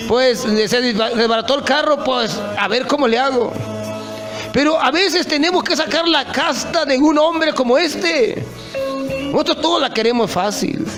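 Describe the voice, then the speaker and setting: A man's voice: very high voice, moderate pace, music in the background. A man preaching an impassioned sermon, often calling out to his listeners as brothers.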